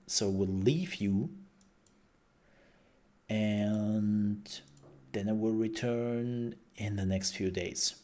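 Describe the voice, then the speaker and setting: A male streamer chats through a live reaction stream in an unhurried, meandering way. He thinks aloud and circles back over his own phrases in a lowish voice. His voice sounds worn from hours of talking. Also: darkish tone.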